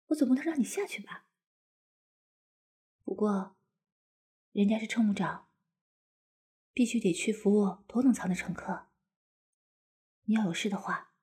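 Woman acting a breathy, coquettish young wife. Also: mid-range voice, warm tone. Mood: hushed, gently chiding. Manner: cutesy, pouty, wheedling. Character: coquettish, doting young wife, a flight attendant. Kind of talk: intimate audio role-play.

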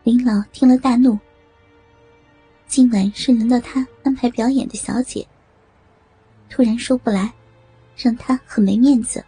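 A woman narrating a story in a steady, even storytelling voice. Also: a little high, measured pace, pauses often, husky, no echo, soft background music, low-quality recording. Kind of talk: audio erotic story narration.

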